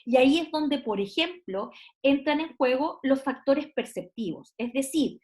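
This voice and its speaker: A woman's voice: sits high, animated, measured pace, darkish tone. A woman giving an online university lecture, thinking aloud with many fillers and tag questions.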